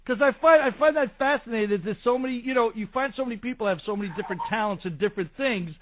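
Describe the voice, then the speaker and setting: A man's voice: very high-pitched, fast, a little hiss or hum, low-quality recording. A man with a Brooklyn New York accent, hosting a chatty talk show interview.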